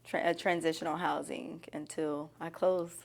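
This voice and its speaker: Woman with a lower voice. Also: little pitch movement, normal speed, creaky. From Nashville, Tennessee. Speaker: interviewee. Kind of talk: candid conversational interview answers.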